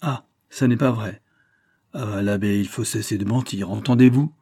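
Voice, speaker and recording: A man's voice: on the low side, normal speed, mellow, dry recording, studio quality. A man reading a story, voicing a coarse, menacing young vagabond who taunts and sneers. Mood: taunting. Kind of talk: audiobook character reading.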